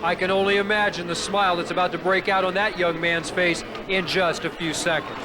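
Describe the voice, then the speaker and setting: A man's voice: high-pitched, fairly even intonation, a little fast, a crowd in the background. A man working as color commentator on a race broadcast, offering reflective and admiring analysis between the calls, heard from a hissy worn tape copy.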